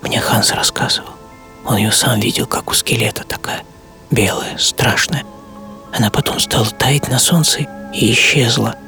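In a hushed, eerie first-person radio monologue, a male author-performer voices an obsessive middle-aged entrepreneur and treasure hunter looking back on boyhood. His medium-pitched voice is pushed and bright, delivered theatrically with pauses and half-whispers, over music under the studio voice.

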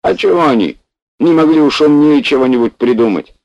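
A man's voice: on the high side, expressive, fairly quick, gravelly, a little mellow, dry recording, muffled recording, voice pushed up. A man voicing a hefty, dim-looking young male hospital patient who whines and pleads, read in an audiobook. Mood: complaining. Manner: whining, pleading.

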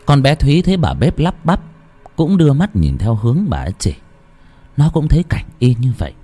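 A man's voice: mid-range voice, sing-song, fairly quick, mellow, husky. A man narrating a ghost story in a theatrical, suspenseful style. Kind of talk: dramatic horror story narration. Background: faint music.

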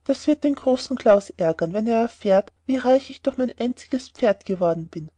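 A woman's voice: a little high, expressive, normal speed, warm tone, no room sound. A woman voicing a poor, clever young peasant man in a read-aloud fairy tale, sly and plainly spoken.

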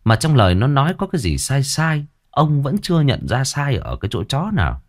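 A man's voice: medium pitch, brisk. Man telling a ghost story. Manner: lively, colloquial storytelling.

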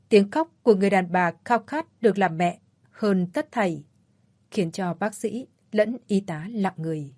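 A woman narrating an audiobook story in a calm, measured way. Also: fairly low pitch, dry recording.

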